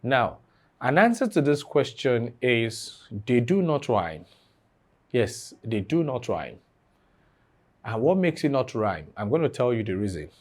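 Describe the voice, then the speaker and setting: A man's voice: mid-range voice, big pitch swings, unhurried, darkish tone. A man teaching an online exam-prep lesson, repeating key phrases and asking the class fill-in questions.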